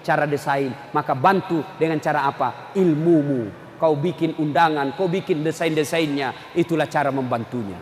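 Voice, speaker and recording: A high-pitched man preaching, his voice dropping to low murmurs and then bursting into shouts with joking asides to the congregation. He is recorded in a big mosque hall with long, roomy reverb. A faint hum of ambience sits underneath. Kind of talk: lively mosque sermon. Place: large echoing mosque hall. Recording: echoey hall, faint background noise.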